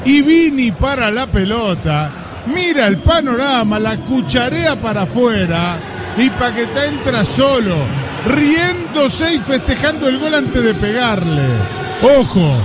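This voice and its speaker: A man's voice: very high voice, very animated, measured pace. A man with a Uruguayan accent giving impassioned live radio match analysis, emphatic and repeating phrases for effect. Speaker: football pundit. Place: live match broadcast, crowd behind. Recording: noisy radio broadcast with stadium crowd.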